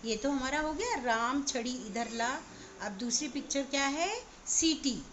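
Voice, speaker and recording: A woman teacher giving an online class to young children, spelling words out slowly sound by sound. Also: high-pitched, animated, a bit bright, slight background noise. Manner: slow, sound-by-sound spelling aloud. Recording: slightly dull, lo-fi recording.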